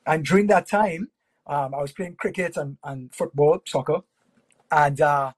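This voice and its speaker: A man from Trinidad and Tobago, a sports broadcaster, talks easily as a guest, unhurried and amiable. His voice sits a bit high with a husky, breathy edge. The sound is dry and close. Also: dry recording. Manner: relaxed, friendly, with fillers and pauses. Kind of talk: casual interview chat.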